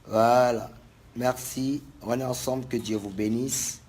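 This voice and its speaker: A man's voice: mid-range voice, steady tone, unhurried, darkish tone. A man giving an emphatic, repetitive video message to fans as a musician. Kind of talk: direct-to-camera video message.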